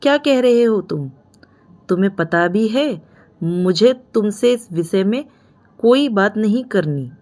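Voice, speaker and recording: A woman voicing a hurt, quick-tempered young wife. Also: medium pitch, lively intonation, natural voice. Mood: angry. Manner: sharp, raised voice when angry.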